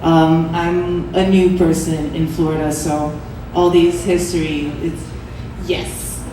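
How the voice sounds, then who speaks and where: A woman's voice: low-pitched, flat delivery, takes it slowly, background noise. A young adult woman from Brazil, a Portuguese speaker, earnestly explaining her art on a panel, with some restarts. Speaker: artist on a panel. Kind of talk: panel talk. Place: gallery event space. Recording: echoey room, distant mic.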